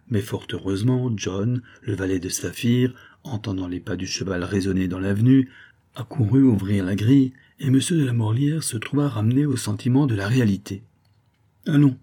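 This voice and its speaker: A man narrating a novel as a measured, steady audiobook reading. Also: lowish voice, breathy edge.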